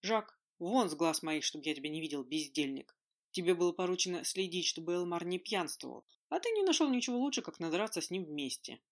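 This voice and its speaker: A man's voice: sits high, expressive, a little fast, fairly bright tone. Reader doing a male king, stern, commanding, scolding, audiobook figure. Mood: angry.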